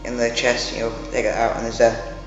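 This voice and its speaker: A man with a mid-pitched voice acts as game master, improvising haltingly and circling back over phrases. The sound is muffled and very reverberant, with music underneath. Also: monotone. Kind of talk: casual improvised tabletop game narration. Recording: muffled, very echoey room, music behind.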